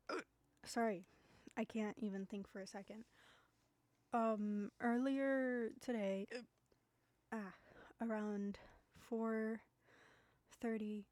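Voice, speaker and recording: Woman streamer, flat and slow, halting with many fillers, dry close sound. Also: medium pitch, dry recording. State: hiccuping. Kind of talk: casual live-stream talk.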